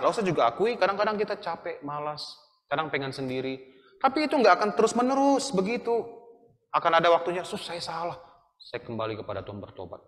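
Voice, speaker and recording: Man, Indonesian accent, slightly high voice, earnest admonishing preacher, long hall reverb. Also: a bit bright. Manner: earnest, admonishing, asks the listeners questions. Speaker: Sunday school teacher. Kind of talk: sermon to youth.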